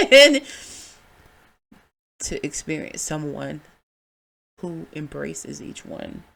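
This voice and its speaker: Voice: medium pitch, gravelly. A podcast host giving a candid, heartfelt solo monologue, with casual swearing.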